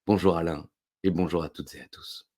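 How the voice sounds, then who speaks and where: A man's voice: deep voice, fairly even intonation, a little fast, a little mellow. A man hosting a podcast in casual banter, teasing dryly with many fillers. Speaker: podcast host.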